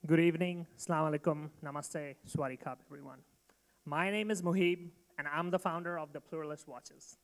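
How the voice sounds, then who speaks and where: High-voiced man pitching in a reverberant hall. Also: steady tone, a little fast. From Bangladesh. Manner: emphatic, audience-addressing. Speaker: startup founder pitching. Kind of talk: rehearsed pitch presentation. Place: event hall.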